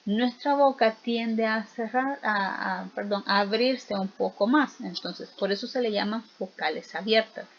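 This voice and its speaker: A woman teacher giving a recorded spelling lesson, slow and patient, spelling out vowels and examples aloud and asking the listener to repeat after her. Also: mid-range voice, muffled recording.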